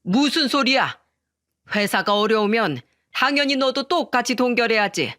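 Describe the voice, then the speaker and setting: A woman voicing a stern older father who runs a company, scolding loudly in a spoken drama story. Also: normal speed, dry recording, clean studio sound, lightly acted. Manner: scolding, booming.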